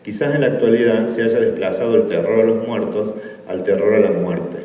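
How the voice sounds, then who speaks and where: A man from Argentina with a Córdoba accent giving a relaxed conference talk, full of fillers and tag questions. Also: lowish voice, brisk. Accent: Argentine Spanish, Córdoba. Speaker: academic conference speaker. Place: conference room. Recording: distant, echoey hall, dull sound.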